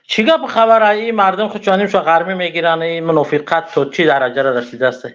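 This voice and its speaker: Brief: high-voiced male caller, agitated and insistent, dull muffled phone sound. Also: fairly even intonation, fairly bright tone. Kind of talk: phone-in talk.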